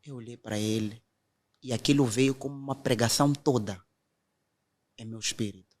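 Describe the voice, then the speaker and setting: A man's voice: medium pitch, fairly even intonation, moderate pace, darkish tone. Earnest man telling his testimony. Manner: earnest storytelling, quotes others directly. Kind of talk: emotional testimony in conversation.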